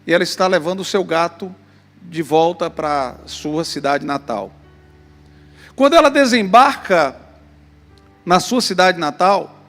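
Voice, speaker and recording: A Brazilian pastor with a fairly high voice tells an animated story from the pulpit, speaking straight to the congregation. His voice rings with a long echo in the church hall. Soft music sits faintly behind it. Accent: Brazilian Portuguese. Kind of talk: sermon with storytelling.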